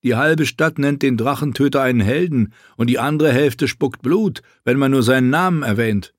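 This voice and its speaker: A man's voice: mid-range voice, normal speed, no echo, clean studio sound, pitched above the performer's own voice, lightly acted. A man voicing a wry, mocking young swordsman. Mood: mocking, urgent. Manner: teasing, blunt, raised voice. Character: wry mocking young male sellsword companion. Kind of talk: audiobook character voice.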